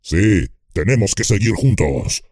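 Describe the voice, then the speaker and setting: A man voicing a gruff, domineering male orc captain in an audiobook, with a hoarse, growling voice and a blunt, commanding manner. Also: on the low side, sing-song, a little slow, darkish tone, dry recording, studio quality, heavily acted. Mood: boastful. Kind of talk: audiobook character voice.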